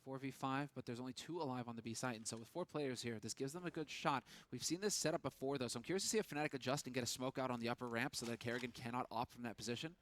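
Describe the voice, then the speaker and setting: A quick-talking man with a medium-pitched voice calls a live match as an esports caster. His play-by-play is urgent and continuous, with faint noise and clicks behind it. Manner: running, urgent narration of the action.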